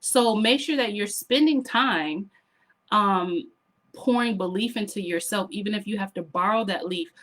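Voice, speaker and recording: A woman coaches her online audience in a sassy, animated way. Her voice is slightly hoarse, and she keeps up a lively, motivational tone. She often stops to ask the viewer to drop a comment. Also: medium pitch. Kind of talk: motivational vlog talk to camera.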